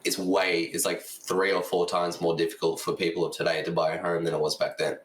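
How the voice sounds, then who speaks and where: Laid-back congested guy, very deep voice, sounding echoey and distant through a camera mic; faint room ambience. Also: completely flat delivery, fairly quick, a little hiss or hum. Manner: laid-back, agreeable, repeats 'a hundred percent'. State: congested, tickly throat. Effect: echoey room sound, heard through camera mic far from him. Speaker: podcast guest, full-time content creator. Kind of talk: casual chat.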